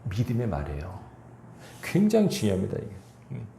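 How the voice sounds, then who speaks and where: A male pastor preaching a sermon, animated, acting out quoted speech and asking the congregation questions. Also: lowish voice, a little fast, creaky, reverberant. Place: church sanctuary.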